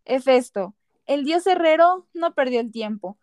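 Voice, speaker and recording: A woman's voice: sits high, expressive, a little slow, a little mellow, no room sound, studio quality. A woman narrating a scripted story dramatically as a podcast narrator.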